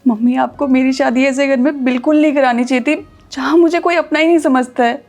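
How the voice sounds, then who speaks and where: A woman's voice: high voice, fairly even intonation, a little fast, a little mellow, faint music behind. A woman playing a tearful, resentful daughter. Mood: upset. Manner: tearful, complaining. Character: upset married daughter, resentful. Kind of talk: Hindi short film acting.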